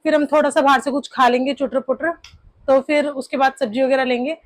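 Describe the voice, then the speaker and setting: A woman's voice: high-pitched, steady tone, a little fast, background noise. A young woman, a mother of two, narrating a casual family vlog in a chatty, homely way while getting over a sore throat. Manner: chatty, homely, full of fillers like "theek hai".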